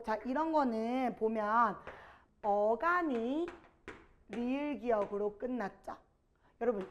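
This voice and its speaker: High-pitched lady teacher going over grammar, asks the class stuff, dull lo-fi sound. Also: a little hiss or hum. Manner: drawn-out example words, quizzing students. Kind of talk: online grammar lesson.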